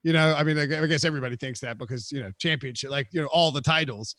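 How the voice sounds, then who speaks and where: A man's voice: fairly high pitch, quick pace, a bit bright, no echo, clean studio sound. A man guesting on a sports podcast, talking in a rambling, filler-heavy way and laughing often. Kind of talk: casual chat.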